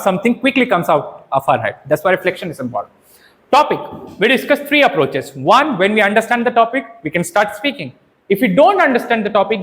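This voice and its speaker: A high-pitched man leads an interactive public speaking workshop as its trainer. He's animated and instructive, often asking questions and checking in with the group.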